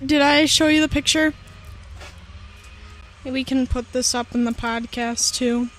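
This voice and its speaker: A woman's voice: high-pitched, fairly even intonation, measured pace, fairly bright tone. A woman guest on a podcast, chatting casually outdoors on a patio and trailing off into fillers. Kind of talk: casual chat.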